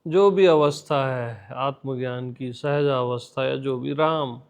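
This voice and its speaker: A man giving a devotional satsang talk as spiritual teacher, guiding listeners and softly repeating chants. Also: mid-range voice, slow, smooth.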